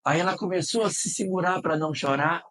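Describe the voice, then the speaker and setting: Expressive Brazilian man giving a lecture. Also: fairly high pitch, fairly quick. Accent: Brazilian Portuguese. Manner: expressive storyteller, repeats phrases for emphasis. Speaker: spiritist lecturer. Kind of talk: religious lecture with storytelling.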